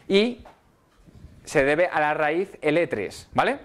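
A man's voice: on the high side, sing-song, takes it slowly. A middle-aged man lecturing physiotherapy students in a casual way, often checking in with "¿vale?". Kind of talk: university lecture. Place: lecture hall.

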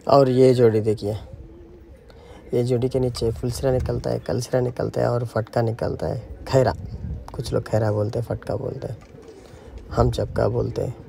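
A man's voice: medium pitch, flat delivery, normal speed, creaky, warm tone, a little hiss or hum. A man casually walking visitors around his outdoor pigeon loft and explaining his birds. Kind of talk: casual vlog walkthrough. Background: pigeons cooing.

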